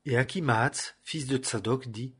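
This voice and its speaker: A man reading a Bible passage aloud in a measured, solemn way, phrase by phrase. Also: mid-range voice, a bit bright, breathy edge. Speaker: scripture reader.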